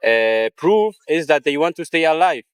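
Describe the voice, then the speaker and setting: A man's voice: on the high side, sing-song, normal speed, clear, resonant tone, no echo, clean studio sound. A man who is not a native English speaker, with a foreign accent, debating casually and searching for words. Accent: non-native English. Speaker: debater in a street interview.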